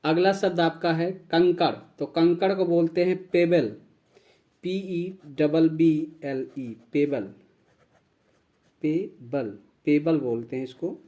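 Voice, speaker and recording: Guy teaching english words, kinda high voice, repeats and spells everything. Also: steady tone, dark tone. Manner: slow, repeats each word and spells it out. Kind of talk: vocabulary lesson.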